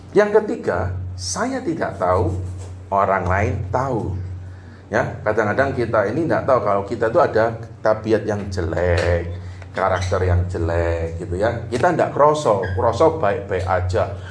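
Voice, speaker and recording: A man's voice: lowish voice, lively intonation, normal speed. Man, preacher, sermon, conversational and jokey, echoey church hall, faint background noise. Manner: jokey, conversational, acts out little dialogues.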